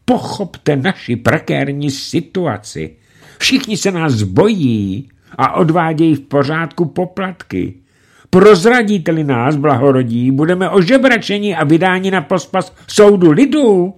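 A man voicing a frightened, fat old bandit chief who pleads in a high whine. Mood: pleading.

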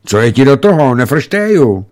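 A man's voice: mid-range voice, very animated, darkish tone, voice pushed up, close to an everyday voice. A man voicing a scrappy, wary young village boy who talks bluntly and suspiciously. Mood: bold, suspicious.

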